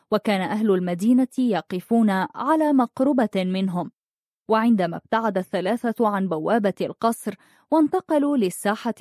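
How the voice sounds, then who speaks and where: A woman narrating a storybook in a measured, even reading voice. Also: medium pitch, no room sound, clean studio sound.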